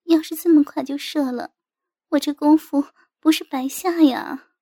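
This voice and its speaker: A woman's voice: high voice, steady tone, a little slow, warm tone, no echo, clean studio sound. A woman doing a coy, cooing young woman. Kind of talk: storybook character voice.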